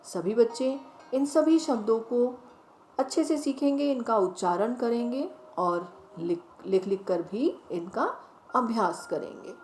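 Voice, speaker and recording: A woman teacher leading a children's phonics lesson, speaking directly to the children and drawing each word out slowly as she repeats it. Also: fairly high pitch, lively intonation, a little mellow, slight background noise. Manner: slow, drawn-out word repetition. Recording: roomy echo, faint music behind.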